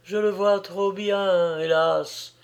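A man reading an audiobook, voicing a gentle young woman who pleads tenderly and softly. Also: high-pitched, fairly even intonation, slow, voice pushed up. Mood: tender, sorrowful.

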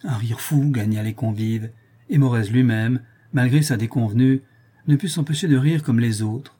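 Husky-voiced male storyteller. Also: mid-range voice, normal speed, mellow. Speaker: audiobook narrator. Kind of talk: scripted narration.

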